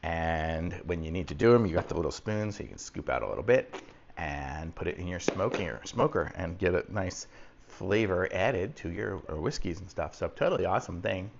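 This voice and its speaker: This product reviewer, a Texan man with a deep, gravelly voice, walks through a casual unboxing at a moderate pace. He sounds expressive, easygoing and folksy as he rambles, and the recording is muffled with faint noise behind him.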